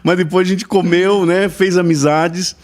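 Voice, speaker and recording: A man with a Brazilian accent, a pastor who is a podcast guest, telling a lively anecdote in casual conversation and tagging his sentences with frequent "né?". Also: high-pitched, a little slow. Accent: Brazilian Portuguese. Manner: lively storyteller, mimics the people he quotes, frequent "né?" tags.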